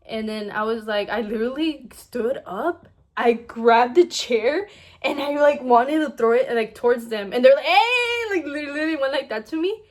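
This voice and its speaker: A young woman with a slightly high voice speaks straight to camera in a casual storytime vlog. She tells her story animatedly, acting out other people's lines and filling her sentences with "like.". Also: moderate pace. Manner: animated retelling that acts out what others said, heavy use of "like". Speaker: vlogger.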